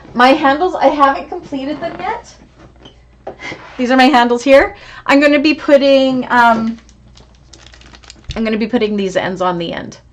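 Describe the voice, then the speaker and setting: A fairly high-pitched woman teaches a live online sewing class, chatting warmly and encouraging viewers as she answers their comments. There's a slight hiss or hum in the audio.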